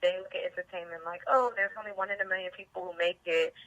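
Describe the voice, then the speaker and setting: A TV host and film reporter from the Bronx and Harlem, New York, she talks a lot in casual, slangy, outgoing fashion as an interview guest on a band-limited line. Her voice is lowish, steady, quick and fairly bright. The recording is dry and muffled.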